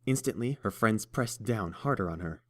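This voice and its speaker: Reading a fan fiction script aloud, a male audiobook narrator holds a steady, measured delivery in a somewhat low voice. He narrates evenly between handoffs to the characters.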